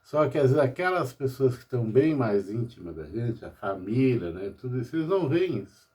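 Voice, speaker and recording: A man's voice: medium pitch, sing-song, brisk, mellow. An older man from Brazil, a pharmacist talking about his life at home in a rambling personal monologue, tagging nearly every phrase with "né?".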